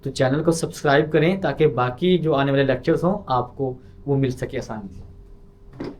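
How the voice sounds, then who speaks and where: A man with a Pakistani Urdu accent teaching an online lesson. He explains patiently and drills each sound by repeating it loudly. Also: medium pitch, normal speed. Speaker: language teacher.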